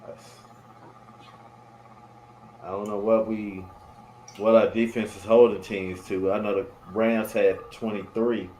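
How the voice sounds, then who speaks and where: Laid-back male podcast co-host, lowish voice, roomy echo with faint hiss. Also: little pitch movement, dark tone. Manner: laid-back, drawn-out, trails off with "man". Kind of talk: casual sports chat.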